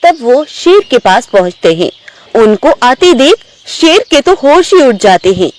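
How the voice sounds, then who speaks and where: A woman narrating an animated children's story in a storybook manner. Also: high voice. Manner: slow, storybook telling.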